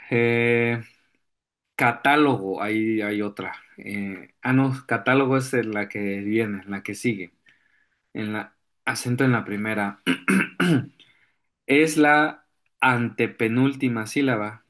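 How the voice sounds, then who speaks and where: A male teacher giving a virtual class, explaining step by step, pausing to search for examples and often clearing his throat. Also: mid-range voice, fairly bright tone.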